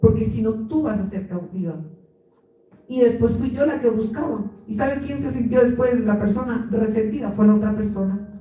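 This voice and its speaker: A woman's voice: on the high side, normal speed, mellow, far from the mic. Woman pastor preaching earnestly, really echoey church, faint music behind. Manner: earnest, repeats and restarts words, acts out quoted voices. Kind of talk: sermon.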